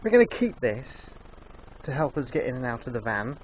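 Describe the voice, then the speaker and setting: An older man with a thick, sore, swollen-sounding throat, narrating a casual DIY vlog in a hesitant, unhurried way. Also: medium pitch, very animated. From England. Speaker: DIY van converter presenting. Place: in and around a van. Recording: dull muffled sound, background vehicle noise.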